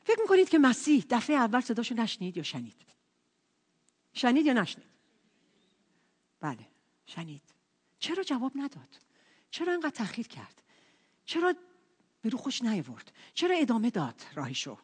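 A woman preaching a sermon and putting questions to the congregation in an animated way. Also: a little high, long pauses, slightly rough. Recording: reverberant hall.

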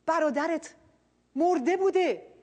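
A woman preacher voicing a forgiving father who gently pleads with his angry son. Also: extremely high pitch, pitched above the performer's own voice. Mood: pleading.

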